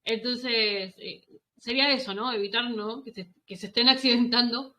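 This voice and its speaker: A woman's voice: fairly high pitch, fairly even intonation, normal speed, bright, forceful tone. A woman with a Rioplatense Spanish accent hosting a casual parenting conversation, chatty and rambling, laughing often.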